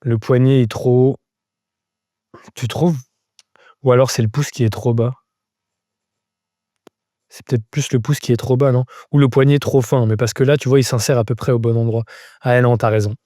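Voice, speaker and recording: A man leads a live drawing lesson, thinking aloud as he sketches and breaking off to answer viewers in a casual way. His voice is mellow and relaxed, recorded dry with no room sound. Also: mid-range voice, normal speed, long pauses, no room sound. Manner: thinks aloud while drawing, explaining step by step. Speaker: drawing teacher.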